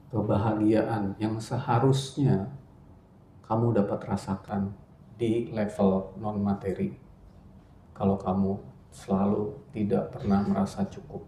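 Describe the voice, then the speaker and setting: Man, casual religious talk; low voice, blunt and joking, slows down to stress points; echoey hall recording. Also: mellow, slight background noise. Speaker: religious study speaker. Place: indoor study hall. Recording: roomy hall, faint ambience.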